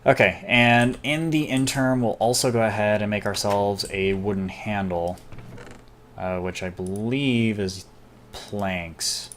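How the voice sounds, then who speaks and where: A casual gamer narrating his own gameplay, chatty and self-deprecating, with excited outbursts. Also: sits low, measured pace, slight background noise. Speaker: gameplay commentator. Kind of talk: casual let's-play commentary.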